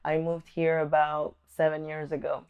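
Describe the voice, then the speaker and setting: A woman's voice: sits low, completely flat delivery, clear, resonant tone, narrow, tinny audio. A young adult woman from the Democratic Republic of Congo, speaking earnestly and thoughtfully about her upbringing as a vlog host. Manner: earnest and measured, with occasional restarts. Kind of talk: reflective personal talk to camera.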